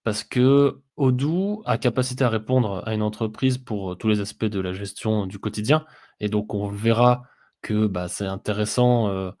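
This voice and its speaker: A man co-hosting a business podcast, explaining things steadily and pausing often with filler sounds. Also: lowish voice, darkish tone. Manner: hesitant, many "heu" fillers, explanatory. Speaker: podcast co-host, business software consultant. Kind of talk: casual business podcast discussion.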